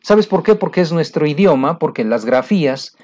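A man's voice: on the high side, lively intonation, normal speed, a little mellow, dull audio. A man teaching English in a recorded lesson, going over exercise answers and patiently explaining by repeating words and speaking straight to the learner.

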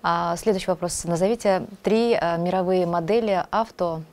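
Woman, thirties, studio host, a little low and dark in tone, formal and courteous. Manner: measured, polite. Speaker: TV interviewer. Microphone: lapel.

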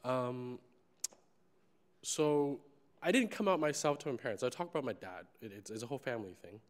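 A man's voice: medium pitch, animated, brisk. A young man from China speaks to a conference audience from a large stage, holding a microphone. His tone is candid and earnest, with hesitations and fillers. The sound carries the long reverb of a large hall. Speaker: conference organizer giving closing remarks. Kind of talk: personal speech on stage. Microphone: handheld microphone.

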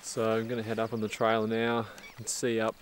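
A young man, a travel vlogger, chats into a handheld camera on windy cliffs outdoors and inside a car, relaxed and enthusiastic with plenty of fillers. His voice is lowish and fairly quick. The camera-mounted mic, held at arm's length, picks up a little hiss or hum.

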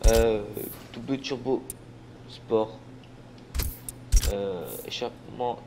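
A young man talks through a racing game in a loose, tired ramble, stumbling over words and swearing as he goes. His voice sits at an ordinary middle pitch. Car and engine sounds from the game stay clearly audible behind him. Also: fairly even intonation, very slow, background noise. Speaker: gaming channel host. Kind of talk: casual gameplay commentary.

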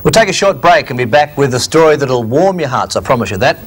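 A man's voice: medium pitch, lively intonation, fast, husky. Male anchor presenting in studio. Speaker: news anchor. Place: television studio.

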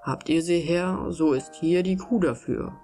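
A woman's voice: fairly low pitch, unhurried, mellow, soft background music. A woman voicing a poor, eager farmer man in a storybook reading, speaking plainly and politely. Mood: hopeful.

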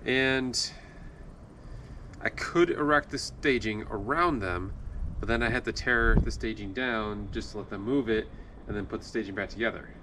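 This forties-aged builder chats about upcoming work for his home improvement vlog, colloquial and quick to poke fun at himself. His voice is on the low side at a moderate pace, and the job site, outdoors and in an unfinished house, is noisy.

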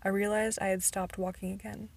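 Amateur female audiobook narrator, breathy tone, flat pitch, stumbles now and then. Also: brisk. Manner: occasional stumbles and restarts. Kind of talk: first-person novel narration.

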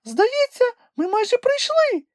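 A man voicing an excitable small furry female creature with a squealing, breathless enthusiasm. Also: very high-pitched, a little slow, dry recording, clean studio sound, voice pushed up, heavily acted. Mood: excited.

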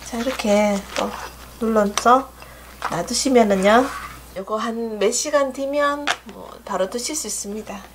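A middle-aged woman with a Gyeongsang Korean accent hosts a cooking channel, giving chatty, homey step-by-step instructions in a home cooking demonstration. Her voice is a little high and a little slow, and dishes and pots clink in her kitchen amid background noise.

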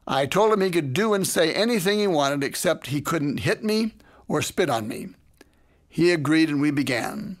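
A man, a parenting educator, telling a classroom story in measured, deliberate scripted narration. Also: fairly high pitch, lively intonation. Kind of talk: scripted narration of a lecture anecdote.

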